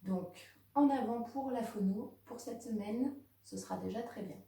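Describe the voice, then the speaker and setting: Slow, patient woman teaching small children. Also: fairly high pitch, warm tone. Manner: slow, clearly articulated, speaking to small children and parents. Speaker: kindergarten teacher. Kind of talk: home-learning lesson for young children. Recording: very echoey room, voice from a distance.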